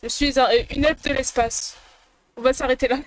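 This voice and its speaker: A woman's voice: high voice, steady tone, moderate pace, slight background noise. A woman streamer chatting casually and playfully with her viewers, giggling and teasing the chat.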